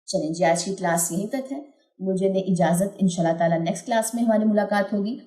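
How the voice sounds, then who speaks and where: A woman teaching recitation rules who explains each point, then stretches the syllables out slowly to model them. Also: mid-range voice, dark tone. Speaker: Quran tajweed teacher. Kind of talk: recorded online lesson. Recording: roomy echo.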